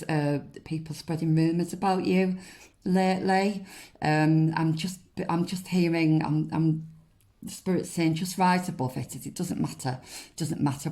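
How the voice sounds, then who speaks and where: Slow, low-pitched woman reading tarot. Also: mellow. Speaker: tarot card reader and host. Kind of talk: casual spiritual card reading.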